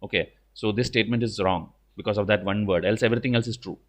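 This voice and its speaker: A man's voice: fairly low pitch, fast. A man with an Indian accent teaching exam questions in an informal lecture, blunt and stern, often punctuating with "okay". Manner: repeats "okay" as a verbal tic.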